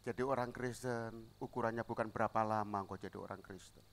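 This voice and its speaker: A middle-aged man preaching a sermon as pastor, telling stories and acting out the dialogue, with shouted peaks. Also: fairly low pitch, fairly quick. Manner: animated storytelling, acts out dialogue, shouts at climaxes.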